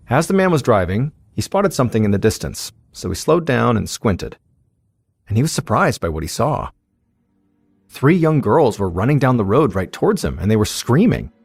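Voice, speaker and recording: A man hosting a podcast, telling a true-crime story in measured, suspenseful scripted narration. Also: fairly low pitch, vocal fry, breathy edge, no echo. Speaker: podcast host.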